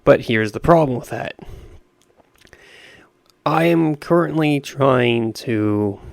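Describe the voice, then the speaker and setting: Raspy, creaky-voiced man rambling over gameplay. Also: medium pitch, darkish tone, no echo, clean studio sound. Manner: rambling, self-deprecating, lots of fillers. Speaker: gaming YouTuber. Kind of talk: casual gameplay commentary.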